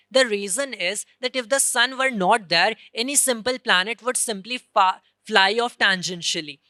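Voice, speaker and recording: A woman giving an earnest science presentation on stage, explaining step by step and quickly correcting herself mid-sentence. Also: medium pitch, pushed and bright, dry recording. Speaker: student presenter. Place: convention centre stage.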